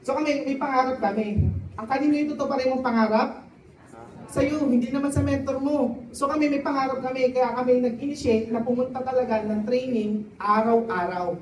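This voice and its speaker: A man giving a motivational testimony to a live audience, often turning to the crowd with quick questions. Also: extremely high pitch, fairly even intonation, darkish tone, slight background noise. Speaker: testimonial speaker at a sales event. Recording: echoey hall, voice from a distance.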